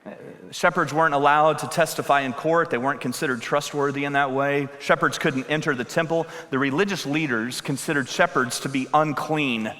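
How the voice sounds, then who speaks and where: Pastor at a pulpit microphone, echoing hall. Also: male voice, fairly high pitch, fairly quick, hardly any pauses, sharp tone. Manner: conversational and joking, building to emphatic appeals. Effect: speaking into a pulpit microphone. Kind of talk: sermon. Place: church sanctuary. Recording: long hall reverb.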